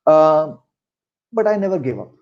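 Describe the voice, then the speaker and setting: A man's voice: on the high side, expressive, normal speed, highs cut off. A middle-aged man with a Marathi Indian accent, giving career advice through anecdotes in an emphatic, conversational way, repeating phrases for stress. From Maharashtra, India. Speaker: interview guest, senior corporate executive.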